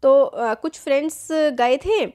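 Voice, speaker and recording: A woman's voice: high voice, slow pace, dark tone. A young woman teaching a class lesson in a casual, explanatory way, often rephrasing herself. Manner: explains in Hindi mixed with English terms, rephrases with "matlab". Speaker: teacher, channel host.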